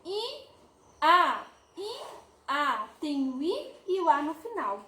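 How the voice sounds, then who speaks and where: A woman, high-voiced and very lively in pitch, teaching letters to small children. She talks extremely slowly, stretching each syllable in a sing-song, coaxing way. The recording has a roomy echo. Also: background noise. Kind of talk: early-years phonics lesson.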